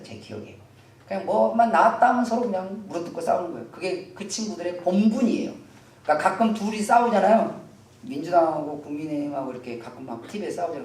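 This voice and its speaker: A male pastor preaching a Sunday sermon in a conversational, animated way, joking with the congregation and acting out what people in the story shout. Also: high voice. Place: church sanctuary. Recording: roomy hall, voice from a distant mic.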